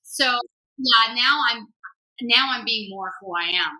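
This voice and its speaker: A Canadian country-rock singer, appearing as an interview guest, chats casually in a bright, soft voice with slight hoarseness, a little high and a little slow. She laughs easily and often and sings snippets here and there, though the audio quality is poor.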